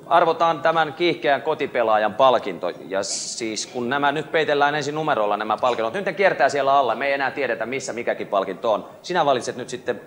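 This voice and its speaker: A man's voice: medium pitch, few pauses, a bit bright, slight background noise. A man hosting a TV quiz show live aboard a cruise ship, bantering and teasing the contestants between questions.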